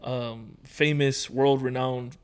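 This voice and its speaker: Slow and smooth, a mid-range male voice belongs to a Hawaiian podcast guest, likely thirtyish. He tells loose, relaxed stories in casual conversation, leaning on fillers.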